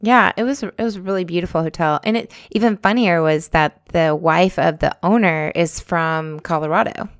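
A woman from the American South chats on a podcast with a lowish, gravelly voice. The recording is dry and close, with no room sound. She talks in a relaxed way and jumps in readily. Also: dry recording. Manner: relaxed, chatty, quick to chime in. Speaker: podcast co-host. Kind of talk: casual chat.

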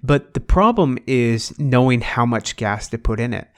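A man chats loosely on a podcast. His voice is gravelly, with some vocal fry, and sits at a middling pitch. He wanders through his points, musing and restarting as he goes. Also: expressive, unhurried. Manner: rambling, musing, full of "like" and restarts. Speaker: podcast co-host. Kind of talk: casual chat.

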